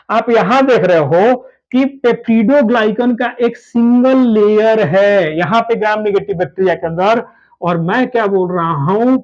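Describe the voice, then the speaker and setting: With a high, slightly mellow voice, a biology teacher works through a lesson at a whiteboard, repeating his main points. He keeps addressing students as "babu" and telling them to listen closely, captured on a dull lo-fi recording.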